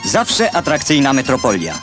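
Lively old newsreel narrator, man. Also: medium pitch, moderate pace. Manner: wry, ironic commentary. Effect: old newsreel recording. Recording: old newsreel over clear music.

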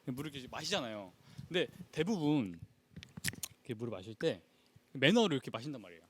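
A man's voice: medium pitch, very animated. A young man chatting and teasing his friends while doing an impression. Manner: teasing, quick. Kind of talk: casual chat with impressions.

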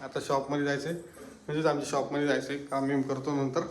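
A man's voice: medium pitch, level tone, fast, background noise. A man hosting a casual family vlog, chatting and teasing while talking straight to his viewers. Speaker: family vlogger host. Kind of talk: casual home vlog chat.

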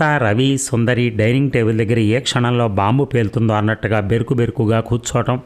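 A man narrating a story aloud in a measured, reflective way, lingering on key phrases. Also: lowish voice. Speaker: audiobook narrator.

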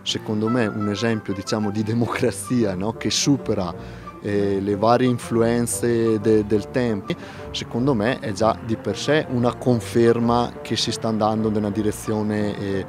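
An older man with a Trentino Italian accent talks outdoors beside a mountain lake, pausing often on fillers. His voice sits low. Music plays clearly beneath him. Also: steady tone. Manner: hesitant, with frequent fillers. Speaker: municipal administrator. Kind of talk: outdoor interview. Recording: music underneath.

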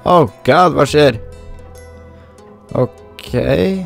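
A man's voice: a little high, vocal fry. A young man giving casual, self-mocking commentary while he plays a video game, throwing in English slang. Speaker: gaming YouTuber. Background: faint game music.

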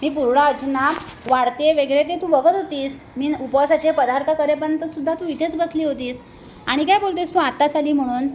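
An earnest young daughter-in-law, as a woman narrator puts her on, insisting on her innocence in a high, pressing voice. She confronts the accuser directly. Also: a little fast, slight background noise, lightly acted. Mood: pleading, accusing.

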